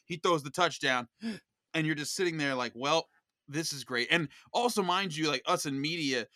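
A man in casual sports chat, excitably retelling a game as a podcast guest. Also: fairly high pitch, moderate pace, dry recording, clean studio sound. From Pittsburgh area. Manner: animated, excitable storytelling.

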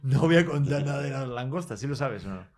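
Un hombre con acento español que conduce un pódcast en charla informal, bromeando, riéndose a menudo y soltando groserías. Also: male voice, medium pitch, expressive, brisk, crowd noise. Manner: laughing often, joking, swearing. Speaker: podcast host. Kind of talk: casual chat.

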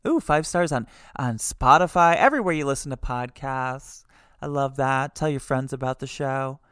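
A woman hosting a podcast in a casual chat, talking in an animated way with frequent fillers and little excited exclamations. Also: rumbling low, normal speed, smooth. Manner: chatty, animated, with many fillers and little squeals. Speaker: podcast host.

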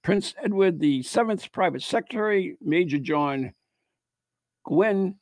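A man's voice: animated, a little slow, a little mellow, no room sound. A man co-hosting a casual chat, reading ghost stories aloud and joking around, from the United States. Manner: chatty, joking, slips into playful high voice.

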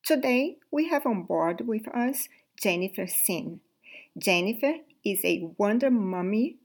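A woman's voice: medium pitch, animated, a little slow. Woman podcast host, friendly and encouraging, asks questions. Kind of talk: podcast interview.

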